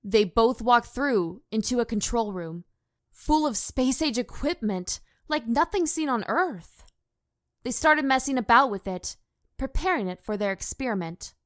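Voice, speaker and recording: A woman's voice: fairly high pitch, animated, a little slow, no room sound, studio quality. A woman narrating a story in a plain, matter-of-fact reading. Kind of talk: scripted narration.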